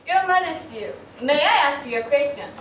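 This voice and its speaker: A woman's voice: sits high, lively intonation, moderate pace, fairly bright tone, slight background noise. A young woman playing a tired, polite and curious little boy prince in a student stage play, asking earnest questions. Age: young adult. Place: theater stage. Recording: echoey hall from far off.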